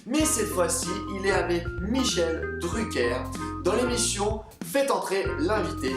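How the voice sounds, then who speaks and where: A young woman narrates a video in a chatty, playful way, stretching words for effect. She sounds roomy and distant from the mic, with loud music behind her. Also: mid-range voice, animated, measured pace. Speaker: video host.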